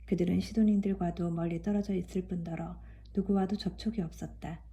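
A woman reading scripture aloud in a calm, even way. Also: on the low side, a little fast. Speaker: scripture reader.

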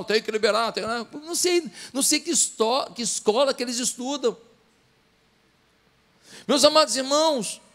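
High-pitched Brazilian pastor preaching passionately. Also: male voice, a bit bright. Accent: Brazilian Portuguese. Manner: impassioned preaching, acting out voices in stories. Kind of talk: sermon.

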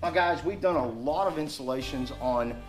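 A man in his forties hosts a car repair vlog from his open home garage, outdoors by the driveway, chatting casually and often repeating "honestly" and "guys." His mid-range voice moves at a moderate pace, with faint music behind him.

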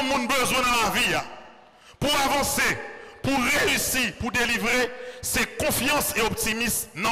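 A man with a Haitian accent, a priest delivering a fervent sermon in church and often shouting out to the congregation. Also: very high voice. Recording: loud background noise.

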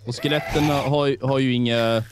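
A man's voice: medium pitch, fairly even intonation, slight background noise. A man co-hosting a casual Let's Play, laid-back with dry self-mocking remarks. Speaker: gaming channel co-host.

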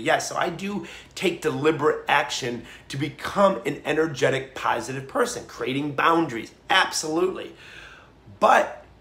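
Energetic man with an echoey sound. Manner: energetic, emphatic, swings pitch widely for emphasis. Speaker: motivational speaker. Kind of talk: motivational talk.

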